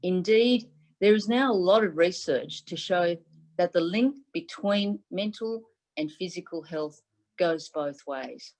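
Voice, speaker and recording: A chief medical advisor, middle-aged and Taiwan-born with Mandarin Chinese as her first language, gives a prepared symposium speech over a webcam video call from home. She speaks at a fairly low pitch with a darkish tone, formal and measured, in short phrases.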